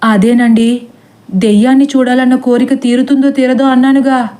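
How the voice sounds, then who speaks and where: A woman's voice: sits high, little pitch movement, normal speed, mellow, close to an everyday voice. A woman voicing a stubborn young man who talks in a weary, matter-of-fact way in a storybook tale.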